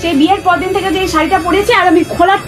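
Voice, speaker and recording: A woman's voice: very high-pitched, steady tone, rapid-fire, over music. A woman acting a nagging wife in a comedy sketch, scolding and complaining.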